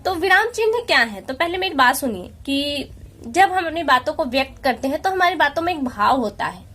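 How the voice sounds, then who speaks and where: A woman teaching an exam-prep lesson, explaining patiently step by step with rhetorical questions and slowing down to read out examples. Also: high voice, big pitch swings, a bit bright. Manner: slows down to read out example sentences.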